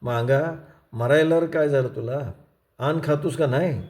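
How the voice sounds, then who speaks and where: A man voicing a domineering village strongman with a whip, who shouts threats in rough rustic speech. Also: mid-range voice, a little slow, natural voice. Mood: harsh, commanding.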